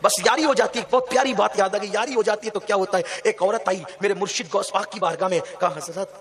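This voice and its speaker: A man's voice: sits high, fairly even intonation. A man preaching a devotional sermon, telling stories with passion and asking the audience rhetorical questions.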